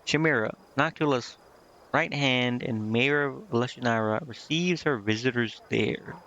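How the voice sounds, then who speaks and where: This streamer speaks at medium pitch, a little slowly, with a fairly bright tone, reading game dialogue and chatting casually about it. He occasionally trips over the lines before fixing them. The sound is lo-fi, with game music underneath.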